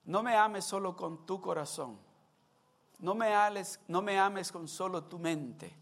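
A male preacher giving a sermon, telling a story and acting out its scenes in an animated way. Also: high-pitched, unhurried, creaky.

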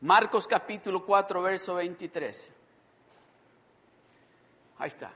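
A woman pastor preaching a Sunday sermon, building to fervent near-shouts. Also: mid-range voice. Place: church sanctuary. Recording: hall reverb.

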